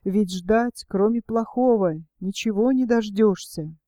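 A woman reading the lines of a weary, grieving peasant man in a storybook, low and heavy. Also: unhurried, mellow, no echo, studio quality, lightly acted. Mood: bitter.

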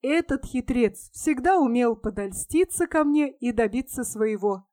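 A woman reading a story aloud in a steady, even storytelling manner. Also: fairly high pitch, unhurried, no echo, studio quality. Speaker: audiobook reader. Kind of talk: scripted narration.

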